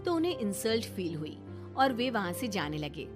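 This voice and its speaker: A woman narrating a family story in a plain, even storytelling manner. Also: mid-range voice, normal speed, over music.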